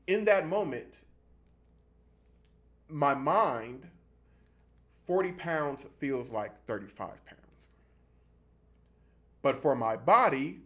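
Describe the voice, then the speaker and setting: A fitness vlogger in his thirties speaks in a casual monologue, explaining things haltingly and going back over points for emphasis. His voice is mid-range with a fairly bright tone.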